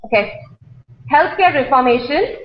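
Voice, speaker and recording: A woman student presenting in an online seminar, halting with many fillers, over a video call. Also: high voice, lively intonation. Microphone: laptop mic on video call. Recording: dull lo-fi video call audio.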